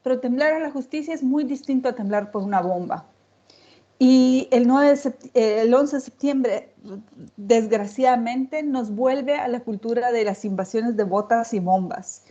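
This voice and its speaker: A woman's voice: a little high, measured pace, warm tone. A woman speaking off the cuff as a panelist, emphatic, building her points with repeated phrases. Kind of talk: unscripted public talk. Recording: dull, lo-fi audio.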